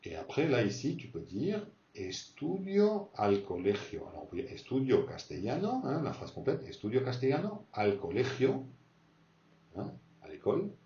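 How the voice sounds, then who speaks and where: A man teaching a beginner Spanish lesson, repeating words slowly to model pronunciation. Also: medium pitch, huge pitch swings, warm tone, echoey room, recorded from a distance, lo-fi sound.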